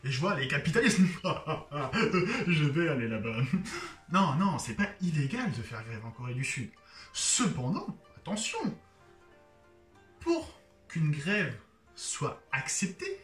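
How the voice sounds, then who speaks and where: A man's voice: on the high side, echoey room, distant mic. A man from France explaining things in a slangy, joking vlog with lots of fillers. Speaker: YouTuber explaining Korean society.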